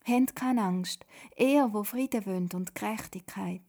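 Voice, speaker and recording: A woman voicing a calm male preacher speaking slowly and reassuringly, with a Swiss German accent. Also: mid-range voice. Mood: solemn.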